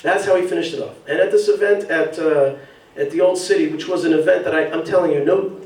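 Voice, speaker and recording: A man's voice: fairly high pitch, fast, a little mellow, reverberant, distant mic, low-quality recording. A man giving an emphatic public speech from a podium at an evening event, repeating and building his phrases. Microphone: podium mic.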